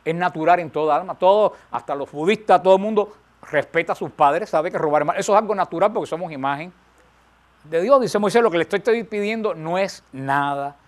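A man's voice: high-pitched, a little fast. A man preaching a sermon, emphatic, rising and falling, repeating phrases for stress.

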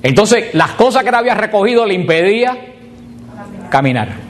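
A man's voice: sits high, big pitch swings, brisk, slight background noise. A man preaching to a group about prayer, often asking them a question and then answering it himself. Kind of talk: teaching talk on prayer.

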